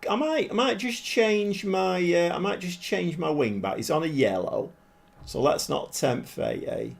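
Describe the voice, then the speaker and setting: Here a man plays a football management game on a live stream, chatting easily with the people watching. His voice is high-pitched and gravelly, and he's self-deprecating and easily thrilled.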